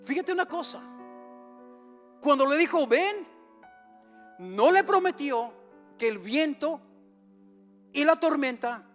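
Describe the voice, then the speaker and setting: A man's voice: very high voice, lively intonation, unhurried, long pauses, fairly bright tone, faint music behind. A man, a pastor, preaching a sermon in church with impassioned delivery, often acting out prayers aloud.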